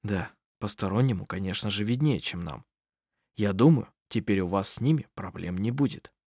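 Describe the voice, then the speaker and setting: A male audiobook reader voicing a reserved man who speaks in a low, hushed murmur. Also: lively intonation, a little fast, breathy edge, dry recording, studio quality. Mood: quiet. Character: reserved quiet man, soft-spoken.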